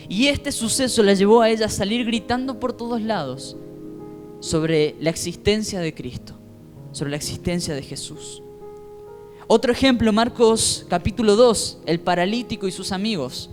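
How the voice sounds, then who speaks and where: A man with a Rioplatense Spanish accent, a pastor preaching a sermon in an animated storytelling way, acting out the voices he quotes. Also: high-pitched.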